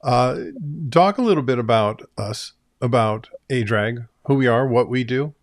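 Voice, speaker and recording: A man's voice: medium pitch, a little slow, no room sound, studio quality. A man hosting a live-stream interview, passing questions to his guests in a conversational way. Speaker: host.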